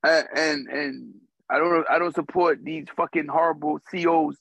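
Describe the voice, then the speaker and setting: A man's voice: a little high, fairly even intonation, normal speed, vocal fry, fairly bright tone, dry recording. A man trading crude jokes on a video call, stammering and repeating himself. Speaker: podcast guest. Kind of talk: crude casual banter. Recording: muffled video call with faint noise.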